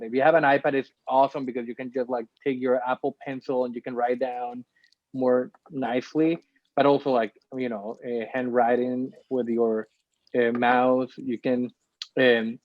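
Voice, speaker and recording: A man's voice: medium pitch, dry recording. Man demoing a tool over a video call. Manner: explains step by step with frequent ums. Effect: heard over a video call. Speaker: workshop presenter. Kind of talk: screen-share tutorial walkthrough. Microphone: computer mic on a video call. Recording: dull, dry video-call audio.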